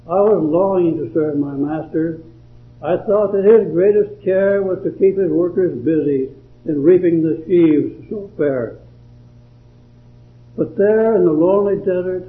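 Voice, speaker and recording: Slow, measured male preacher on lo-fi tape. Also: on the high side. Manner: slow, deliberate, measured delivery. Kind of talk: sermon with a recited poem. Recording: tinny phone-like old recording.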